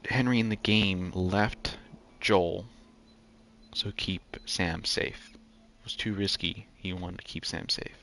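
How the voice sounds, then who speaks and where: A man's voice: low voice, fairly even intonation, takes it slowly, a bit bright. A young man giving casual commentary on a game playthrough, musing and often restarting his sentences. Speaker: gamer comparing game and show.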